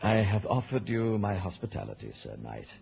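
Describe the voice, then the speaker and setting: An actor in a radio drama playing a genial, noble king with a husky, gravelly voice and a courtly, bantering manner. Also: lowish voice, big pitch swings, normal speed, darkish tone, full character voice. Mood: teasing, hearty. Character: genial, noble middle-aged king, hearty and teasing. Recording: muffled old radio recording.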